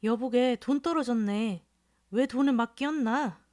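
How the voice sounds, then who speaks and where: A woman's voice: a little high, a little slow, darkish tone, no echo, clean studio sound, close to an everyday voice. A woman voicing a middle-aged male drinking companion who questions and scolds his drunk friend in a storybook reading. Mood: exasperated. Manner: exasperated questioning.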